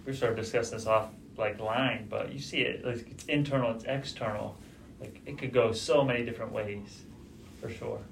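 A man's voice: medium pitch, steady tone, normal speed, vocal fry. A man chatting casually as a podcast guest, speaking through a face mask that slightly muffles his voice. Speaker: podcast guest, registered dietitian. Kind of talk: casual chat. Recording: muffled, distant from mic, background noise.

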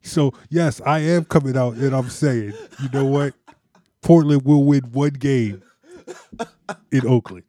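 A man's voice: medium pitch, unhurried, long pauses, dark tone. Rambling, playful male podcast host. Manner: playful, rambling, repeats words. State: a little tipsy. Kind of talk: casual sports chat. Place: home man cave.

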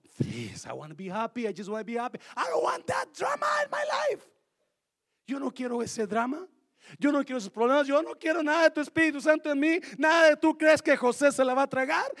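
Un hombre haciendo de María, joven reacia y terca. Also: male voice, very high-pitched, fairly bright tone, voice pushed up, full character voice. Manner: pleading, stubborn refusals mixing English. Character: reluctant young woman Mary refusing burden.

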